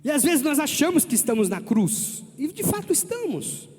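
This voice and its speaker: A man with a Brazilian Portuguese accent preaching a sermon as pastor, animated and calling on the congregation to respond. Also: extremely high pitch, normal speed. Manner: animated, calls on the congregation to repeat after him. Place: large church hall. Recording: long church-hall reverb, faint music.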